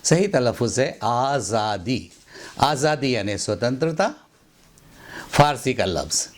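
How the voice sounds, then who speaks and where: Slow, deliberate male pronunciation teacher. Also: mid-range voice, very animated. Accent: Hindi-Urdu. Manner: carefully enunciates and repeats words to contrast pronunciations. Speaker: language teacher. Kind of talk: slow, deliberate instructional explanation.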